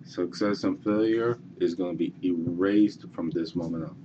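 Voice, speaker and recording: Casting: low-voiced man, casual course presenter, halting and repetitive, slightly muffled recording. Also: fairly even intonation, noisy background. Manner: halting, repeats and restarts, says okay a lot. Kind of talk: casual screencast walkthrough.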